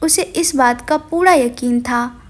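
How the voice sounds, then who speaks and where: A woman storyteller reading a romantic audio story in a gentle, steady narration. Her voice is high and clear in pitch. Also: takes it slowly.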